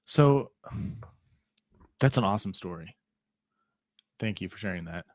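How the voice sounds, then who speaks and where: A man's voice: deep voice, lively intonation, measured pace, no room sound, studio quality. A man hosting a podcast, asking curious, probing questions and rephrasing them as he goes. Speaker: podcast host. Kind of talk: interview questions.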